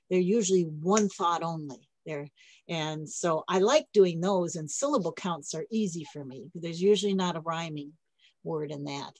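Woman poet, lowish voice, dry close sound; casual workshop teacher who restarts sentences as she thinks aloud. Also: no room sound, poor audio. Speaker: poet leading a writing workshop.

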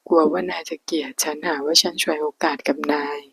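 A woman voicing a gentle, coaxing young man in whispered role-play, speaking softly to his partner. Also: fairly high pitch, little pitch movement, fairly quick, vocal fry, poor audio. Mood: anxious. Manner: soft, coaxing. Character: young man, tender, teasing lover.

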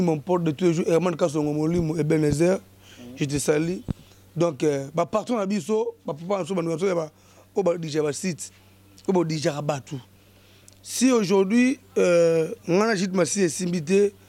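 A man hosting a talk show, speaking hesitantly with frequent pauses while giving advice. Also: a little high, dark tone, no echo. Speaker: host. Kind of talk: talk-show commentary mixing French and Lingala.

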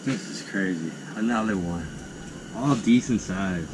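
A young man with an Upper Midwest American accent, talking casually and excitedly as he ice fishes outdoors at night. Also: low-pitched, a little slow. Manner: excited, exclaiming over catches. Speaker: fishing vlogger. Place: frozen lake outdoors at night. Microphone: action camera on the ice. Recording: outdoor camera with steady background noise.

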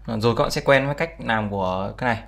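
A man's voice: medium pitch, quick pace, gravelly, a bit bright. A man teaching an English lesson over a screen recording, explaining words with many fillers and checks with his viewers. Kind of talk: screen-share language lesson.

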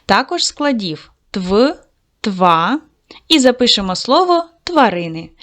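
A woman teaching a video lesson for second graders. Her pitch rises and falls in a lively way as she encourages the children. She speaks slowly and clearly to young pupils. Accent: Ukrainian. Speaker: primary school teacher.

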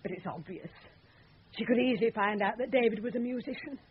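In a radio drama, an actress plays a jaded, hard-drinking woman full of scorn, sounding cool and bitter with a sardonic, dismissive manner. Her voice is husky, fairly high-pitched and a little fast. The old recording is muffled and phone-like, with faint noise.

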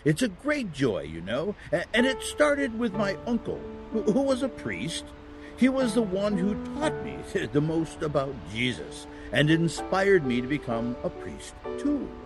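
Casting: male actor as patient old saintly Santa for family audio drama, lively intonation, gentle halting storyteller, music underneath. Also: high voice, full character voice, rough recording. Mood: warm, reflective.

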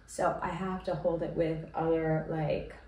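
A congested, sick woman in her thirties rambles casually through her knitting podcast from a small room at home, her voice low and a little slow with frequent ums and likes. She chats relaxedly to a camera set at a distance, so the sound is roomy and distant, with a faint hiss or hum.

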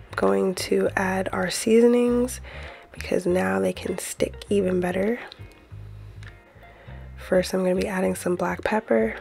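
A woman's voice: mid-range voice, creaky, darkish tone. A woman hosting her own cooking channel, talking through a recipe in a friendly, easygoing voice-over.

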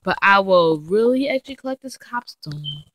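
A woman giving casual, chatty gameplay commentary, talking straight to her viewers and getting excitable and easily frightened as she plays. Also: mid-range voice, normal speed. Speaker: let's play gamer.

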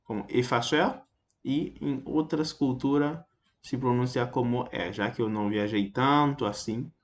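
A man's voice: mid-range voice, measured pace. A man teaching a basic French pronunciation lesson, repeating example words and checking in with frequent "ok?". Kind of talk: explanatory language lesson.

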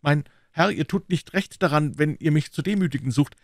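A man's voice: fairly high pitch, brisk, dry recording, clean studio sound, pitched above the performer's own voice. A man doing a proud, touchy young Gascon. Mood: earnest. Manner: earnest, touchy insistence. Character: young male Gascon swordsman, proud and quick-tempered. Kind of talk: audiobook character voice.

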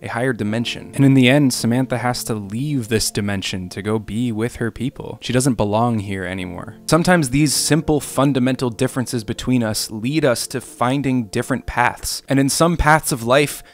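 A man's voice: mid-range voice, moderate pace, hardly any pauses, faint music behind. A man hosting a video essay, narrating in an earnest, contemplative way. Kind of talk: scripted film essay narration.

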